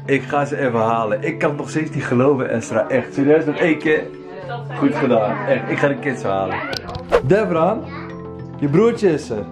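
A father in his thirties films his family in a hospital room, excited and cheerful as he coaxes the kids. His pitch bounces widely from high to low. Music plays steadily behind him. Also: moderate pace. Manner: excited, upbeat, coaxing with kids. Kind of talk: casual family vlog.

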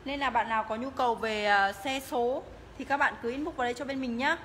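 A woman giving a live, promotional sales pitch as she walks through shop rooms, repeatedly urging viewers to get in touch. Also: a little fast, a bit bright. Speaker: motorbike shop livestream seller. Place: tiled indoor motorbike showroom rooms and stairwell. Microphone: handheld phone, held by the walking speaker. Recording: noisy phone audio in echoing hard-walled rooms.

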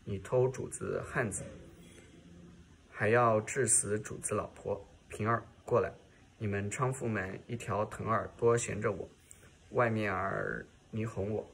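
A sharp-tongued, jealous young noblewoman from a classic novel scolds and curses, as a male reader voices her in his own low, gravelly voice. The delivery stays close to plain reading aloud, with a rough, creaky edge under it. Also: lively intonation, measured pace, a little hiss or hum, exaggerated voice. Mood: scolding. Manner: scolding, cursing.

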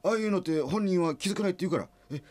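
Shocked and panicky, this man speaks in a high, slightly mellow voice at a racing pace, recorded without room sound. He's acting the part of a flustered, well-meaning middle-aged company president in a comedic radio drama, stammering and repeating himself.

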